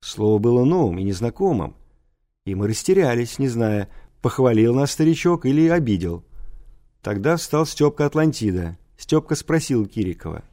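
A man reading a novel aloud as an audiobook narrator, in an even storytelling delivery. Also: mid-range voice, moderate pace. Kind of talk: scripted narration.

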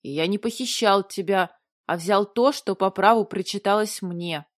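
A woman voicing a big, stubborn male dragon in an audiobook, dropping lower and growling, bursting into roars. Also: lively intonation, normal speed, no echo, clean studio sound, natural voice. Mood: roaring. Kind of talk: audiobook character voice.

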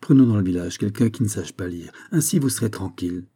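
Man voicing a practical older nurse woman, calm, matter-of-fact, low dark voice, audiobook. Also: fast talker.

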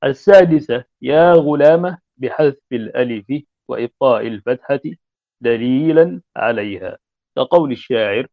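A man's voice: medium pitch, no room sound, dull audio. Guy explaining a grammar book over a phone-ish line, dry sound, stretches out the quotes. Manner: explains slowly, reciting quotations drawn out, clears throat often. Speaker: teacher of Arabic grammar. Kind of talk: text commentary lesson.

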